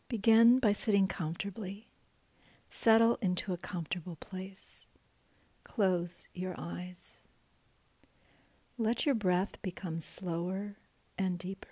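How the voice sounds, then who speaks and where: A woman leading a guided meditation in a soft, breathy voice that often drops to a whisper. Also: medium pitch.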